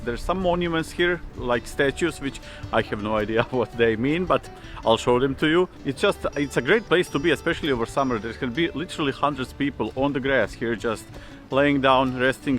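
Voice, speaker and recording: A man's voice: medium pitch, a bit bright. A man hosting a vlog in an informal, wry, self-deprecating way, with music behind him. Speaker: vlog host. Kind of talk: casual vlog presenting. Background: faint background music.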